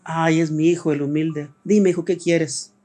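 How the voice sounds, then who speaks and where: God as a gentle attentive father acted by a preacher, male, Mexican accent, soft conversational tone, fairly high, mellow. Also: steady tone, unhurried, faint music behind, natural voice.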